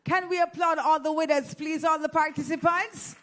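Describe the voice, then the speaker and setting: A woman's voice: high-pitched, fairly even intonation, normal speed, fairly bright tone. A Jamaican woman hosting an event, teasing and chatting with the audience into a handheld mic. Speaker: event host. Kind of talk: lively emcee banter with audience. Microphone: handheld microphone.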